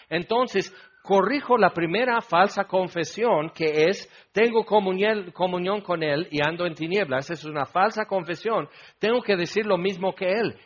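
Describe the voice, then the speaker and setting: A man preaching a conversational sermon, asking the congregation rhetorical questions and acting out the voices he quotes. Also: high-pitched. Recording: dull lo-fi sound.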